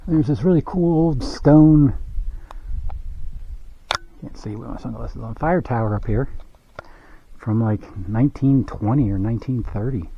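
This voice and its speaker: A man's voice: mid-range voice, mellow, breathy edge. A man casually narrating his hiking vlog outdoors, thinking aloud and rambling with lots of fillers. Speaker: hiking vlogger. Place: outdoors on trails and at a campground. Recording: dull lo-fi camera audio.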